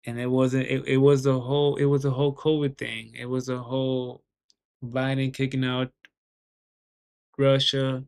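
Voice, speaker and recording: A man's voice: mid-range voice, flat delivery, normal speed, creaky, darkish tone, clean tone. A man giving casual, rambling market commentary, swearing heavily and often restarting his sentences. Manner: profane, rambling, heavy swearing; repeats words and restarts often.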